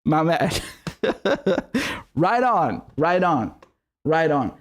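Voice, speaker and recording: A young Syrian man runs a live political stream, ranting fervently and dropping curses between brisk asides. His fairly high voice has a sing-song lilt.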